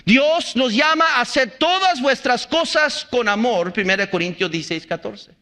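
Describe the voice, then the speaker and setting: A pastor delivers an impassioned sermon. His voice sits very high for a man and cuts through with a sharp, bright edge. He hammers his point with repeated rhetorical questions and at times breaks into shouting. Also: expressive, normal speed.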